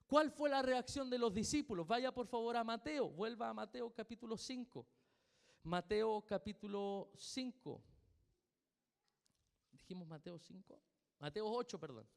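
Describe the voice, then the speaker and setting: High-voiced Chilean pastor with gravelly edge. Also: male voice, unhurried. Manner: emphatic preaching with repetition and questions to the congregation. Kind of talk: sermon. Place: church sanctuary. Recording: long reverb of a church hall.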